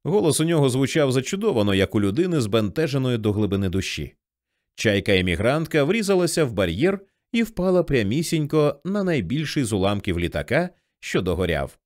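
A man narrating a novel as an audiobook in a vivid, expressive storytelling manner. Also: medium pitch, brisk, dry recording, studio quality.

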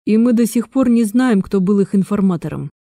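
A woman's voice: mid-range voice, lively intonation, brisk, dark tone, no room sound, studio quality. Woman reading as a weary bitter male agent. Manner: tired, speaking through teeth.

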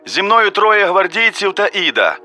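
Man doing a breathless high-voiced radio caller. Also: sing-song, moderate pace, pushed and bright, faint music behind, exaggerated voice. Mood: tense. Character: breathless man radioing urgent news under siege.

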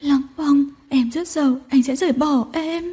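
A woman's voice: high voice, steady tone, moderate pace, dark tone, voice pushed up, close to an everyday voice. A woman reading a storybook and voicing a tearful, clingy young woman who pleads between sobs. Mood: sobbing, pleading. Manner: sobbing, pleading, breathy.

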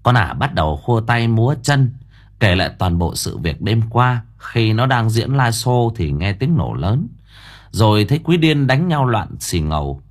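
A man narrating an audiobook story in a dramatic, expressive storytelling manner. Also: lowish voice, unhurried.

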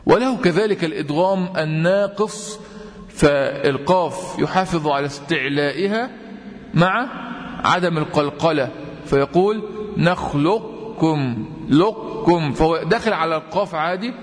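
A man with an Egyptian accent teaching tajweed, quizzing his students with repeated questions and chanting verse examples slowly. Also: fairly high pitch. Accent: Egyptian Arabic. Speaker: Quran recitation teacher. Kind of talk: tajweed lesson. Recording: long reverb.

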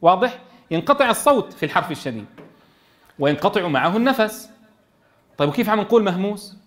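Sheikh teaching a class, high voice, keeps asking students questions and sounding out letters. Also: male voice, sing-song, fast. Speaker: Quran recitation teacher. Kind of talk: classroom tajweed lesson.

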